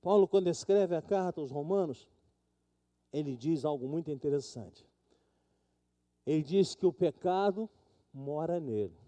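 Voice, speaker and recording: A Brazilian man preaching a sermon in a church. His voice sits high for a man yet sounds very dark and mellow. He throws himself into the stories he tells, swinging his voice up and down as he voices the people in them. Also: lively intonation, measured pace, long pauses. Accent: Brazilian Portuguese. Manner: dramatic, acts out quoted people with big pitch swings. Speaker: pastor. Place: church sanctuary.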